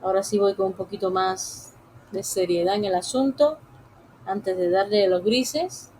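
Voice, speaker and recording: A woman teaching a live drawing lesson, talking softly and unhurriedly to viewers as she works. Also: medium pitch, a little hiss or hum, poor audio. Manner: soft, unhurried, talks while drawing; addresses viewers directly.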